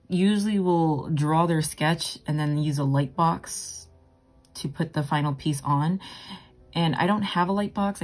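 A woman's voice: sits low, mellow, slightly rough. A young woman talking casually while she draws, with a groggy morning voice and a chatty, rambling, self-deprecating manner. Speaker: art vlogger. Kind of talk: casual narration while drawing.

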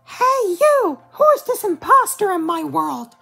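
King Ow Ow Ow, a squeaky cracking king. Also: big pitch swings, a little slow, gravelly, pushed and bright, soft background music, heavily acted. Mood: defiant. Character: dark-world twin of the penguin king, stubborn and bratty.

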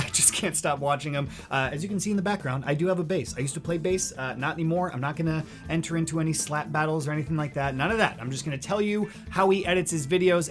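Chatty upbeat guy walking thru an editing tutorial, kinda high voice, soft music under it. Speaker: host. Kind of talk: casual video-editing tutorial.

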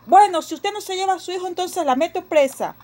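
A woman voicing a stern, suspicious male police officer who talks loudly and accusingly. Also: very high voice, expressive, slow, heavy background noise, pitched above the performer's own voice, full character voice. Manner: loud, accusing.

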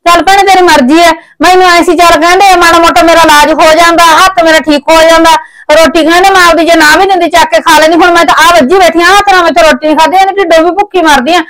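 A woman playing a fast, high-voiced aggrieved mother. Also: fairly even intonation, low-quality recording. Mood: pleading. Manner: complaining, reproachful, pleading. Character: aging mother neglected by son and daughter-in-law, hurt hand. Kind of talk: village web drama acting.

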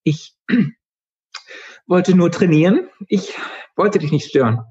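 A man's voice: expressive, slow, darkish tone, husky, exaggerated voice. Timid teen girl played by a man, raised voice, hesitant, storybook reading, dull lo-fi recording. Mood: anxious. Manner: higher, anxious, hesitant pleading. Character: nervous sixteen-year-old girl with magic powers.

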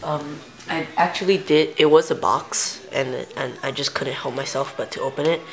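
A woman's voice: sits low, fairly even intonation, moderate pace. A young woman giving casual commentary as host of a home-recorded unboxing video. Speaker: trading card video host. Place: room at home. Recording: faint background noise.

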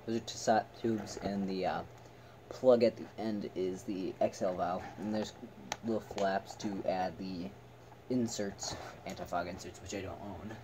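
A young man giving a casual, halting, unscripted product review in short fragments. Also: low-pitched, steady tone. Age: teens to young adult. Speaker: video reviewer. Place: small attic room indoors. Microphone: camera a few metres away. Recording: distant camera mic, noisy room.

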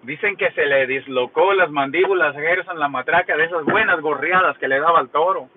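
A man's voice: on the high side, fairly quick. A man with a Mexican accent, vlogging in a crude, mocking, joking way as he tells gossip. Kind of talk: casual gossip monologue. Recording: tinny phone-like sound with faint noise.

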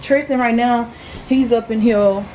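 A young single mother with a Southern US accent speaks in a fairly high, even, slightly mellow voice at a somewhat slow pace, chatting loosely through a home cleaning vlog and scolding her kids. She films on a handheld phone in her apartment living room and kitchen. The audio is poor, with slight background noise.

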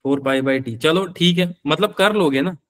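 A man's voice: fairly high pitch, normal speed. A young man teaching a physics class live online, chatty, calling his students beta and answering their questions.

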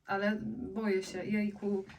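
A woman's voice: medium pitch, flat delivery, measured pace, a little mellow, slight background noise. A woman co-hosting a food vlog, chatting casually and reacting bluntly as she tastes spicy food. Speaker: vlog co-host. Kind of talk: casual food-tasting chat. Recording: slightly distant microphone.

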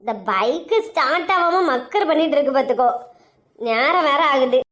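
A woman's voice: high-pitched, expressive, moderate pace, fairly bright tone, pitched below the performer's own voice. A woman with a Kanyakumari Tamil accent playing a grumbling man whose bike won't start, in a comic sketch. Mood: fretting. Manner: complaining, exasperated muttering.

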